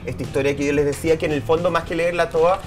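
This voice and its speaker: A man's voice: on the high side, fairly even intonation, racing. A man with a Chilean accent commenting as a panelist on a live entertainment talk show. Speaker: TV panelist and co-host. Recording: music bed under the voice.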